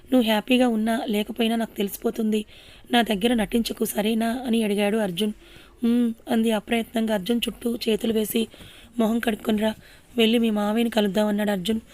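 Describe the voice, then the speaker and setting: A woman narrating a romantic audio story and speaking each character's lines herself, softly expressive. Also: on the high side, fairly quick. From Telugu-speaking India.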